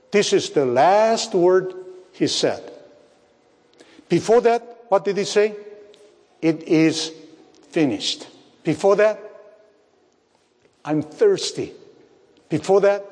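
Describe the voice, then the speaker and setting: A man preaching a sermon, speaking slowly, repeating phrases and asking his listeners rhetorical questions. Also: a little high, darkish tone. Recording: long hall reverb.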